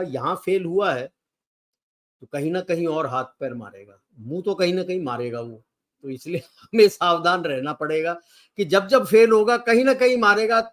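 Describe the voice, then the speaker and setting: Guy talking politics slowly, kinda high voice, mixes in english a lot. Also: fairly bright tone. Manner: slow, deliberate Hindi-English code-switching. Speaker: political commentator. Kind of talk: conversational political commentary.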